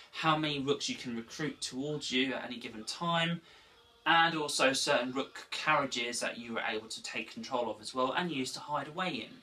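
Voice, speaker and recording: A man talks through a game's story in a loose, rambling way, stopping and restarting his sentences as he goes. His voice is bright and forceful. He sits some distance from the microphone, so he sounds a little far off. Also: mid-range voice. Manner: rambling, with frequent restarts and asides. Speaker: gaming video host. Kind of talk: casual unscripted game recap.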